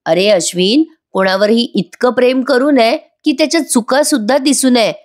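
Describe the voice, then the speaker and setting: A woman's voice: on the high side, moderate pace, darkish tone, pitched above the performer's own voice, close to an everyday voice. A stern middle-aged father lecturing his grown son, read by a woman narrator. His lines come as reproachful scolding.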